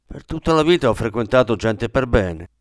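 A man's voice: mid-range voice, lively intonation, moderate pace, dry recording, clean studio sound, close to an everyday voice. A man voicing a poor young drifter in a storybook reading, earnest, polite and pleading.

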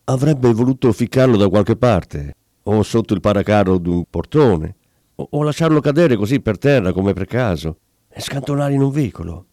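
A man reading a classic tale aloud in a theatrical, expressive storytelling manner. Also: fairly low pitch, moderate pace, dry recording. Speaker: narrator.

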